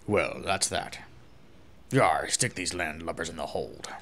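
A man doing a pirate captain voice, reading a game character's lines in a low growling drawl. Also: unhurried, a bit bright, slight background noise. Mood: gruff. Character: gruff male pirate captain.

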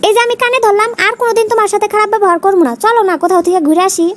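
Someone voicing a squeaky bossy cartoon husband. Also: rapid-fire, a bit bright. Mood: coaxing. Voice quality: high squeaky cartoon pitch. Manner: bossy and curt. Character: hot-tempered young husband, egg trader. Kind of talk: cartoon voice acting.

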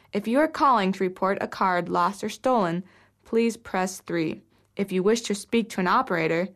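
Female actor as official greeter, formal scripted announcements, medium pitch. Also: lightly acted. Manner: formal, clearly scripted delivery. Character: institutional greeter: bank phone menu, college admissions guide. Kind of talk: scripted test-audio announcement.

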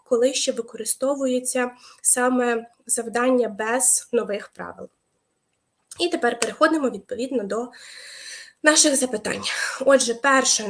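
A young woman teaching a live online exam-prep lesson, explaining patiently with hesitant fillers and pausing to wait for viewers' answers. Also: fairly high pitch.

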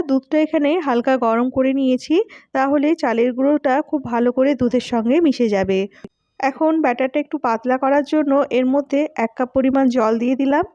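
A woman, host of a cooking channel, calmly narrating a recipe step by step and speaking to her viewers as friends. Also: high voice, dry recording, dull audio. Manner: calm, instructive, addresses viewers as friends.

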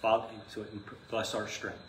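With a lowish, steady voice at normal speed, a middle-aged man who is an Orthodox priest gives a casual lecture to a class in a small room indoors. His delivery is emphatic yet conversational, full of asides and rhetorical questions. The distant mic captures echo and some noise.

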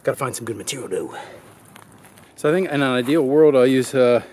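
A man's voice: medium pitch, fairly quick. A man in his thirties narrating casually to the camera as he works on a craft project outdoors in the woods, talking half to himself. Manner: relaxed, talks to himself while crafting. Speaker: bushcraft vlogger. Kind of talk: casual narration while working.

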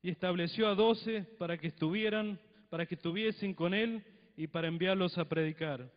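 Preaching at a moderate pace in a high-pitched voice, this middle-aged Cuyo Argentine man from Mendoza holds a handheld mic in a church hall. He keeps it conversational, throwing in tag questions and acting out small dialogues. The audio is dull and lo-fi, with a long hall reverb.

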